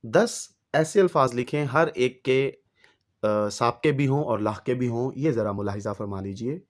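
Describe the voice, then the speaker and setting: A man teaching an English textbook exercise, reading each English line slowly and then explaining it in Urdu. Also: medium pitch.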